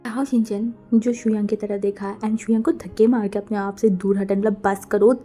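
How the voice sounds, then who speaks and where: Chatty woman narrating with a dark tone. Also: medium pitch, a little fast, faint music behind. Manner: chatty, mixes English words into Hindi, lively voices for characters. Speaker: fan fiction narrator. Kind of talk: casual storytelling narration.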